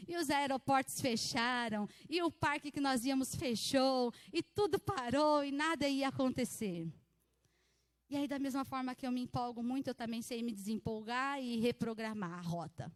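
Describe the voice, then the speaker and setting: Middle-aged Brazilian woman, high pitch, animated church storyteller. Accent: Brazilian Portuguese. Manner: lively storytelling, acts out family voices. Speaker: church speaker. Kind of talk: sermon with personal story.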